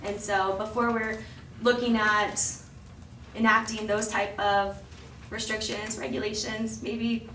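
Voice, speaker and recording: Her voice slightly raspy after cheering all weekend, a downtown business promoter speaks a little slowly to council, mid-range and a bit bright with little pitch movement. The report is chatty and informal, laced with ums and restarts. The chamber echoes, the mic is far away, and there's faint hiss.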